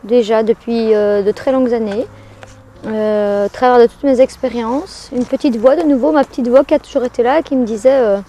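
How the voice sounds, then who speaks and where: Woman life coach as interview guest: mellow, hesitant, thoughtful. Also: a little high, fairly even intonation, faint music behind. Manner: hesitant, with frequent pauses and fillers. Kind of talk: reflective interview answers.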